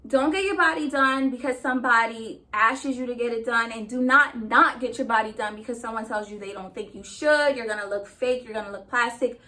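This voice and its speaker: Female vlogger, high bright voice, short of breath, sassy, emphatic, casual Q&A. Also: a little fast, few pauses. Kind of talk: casual chatty Q&A to camera.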